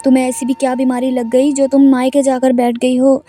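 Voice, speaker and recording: Woman reading a bossy angry young husband, high flat voice, harsh. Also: soft background music. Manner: harsh, scolding.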